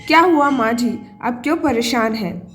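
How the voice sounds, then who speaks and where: A woman voicing a young daughter-in-law who asks soft, pleading questions. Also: a little high, normal speed, soft background music, close to an everyday voice. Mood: pleading, gentle.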